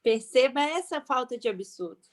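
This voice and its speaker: A woman performs a self-righteous, prejudiced matron with a high voice in a satirical dramatic reading. She is hammy and indignant, rambling and repeating phrases with theatrical emphasis. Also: expressive, moderate pace. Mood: indignant, flustered.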